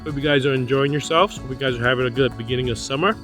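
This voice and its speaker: A man's voice: mid-range voice, rapid-fire, over music. A middle-aged man in a casual vlog, chatting outdoors by his van while eating. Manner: relaxed, talking with his mouth full while eating. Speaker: van life vlogger.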